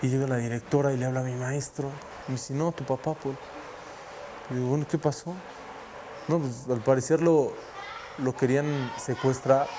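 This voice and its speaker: Soft-spoken man recalling a loss. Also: medium pitch, steady tone, background noise. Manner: halting, soft-spoken, quotes others. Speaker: interviewee. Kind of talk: recounting a personal memory.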